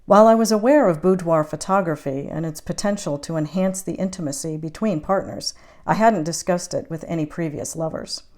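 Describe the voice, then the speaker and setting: A woman with a notably low voice reads a first-person romance audiobook. Her delivery is measured and intimate, a storyteller taking her time with each scene. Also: a little mellow. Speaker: audiobook reader.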